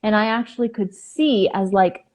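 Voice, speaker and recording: A woman guest on a podcast, telling a personal story in an earnest, halting way with many fillers. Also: medium pitch, a little mellow.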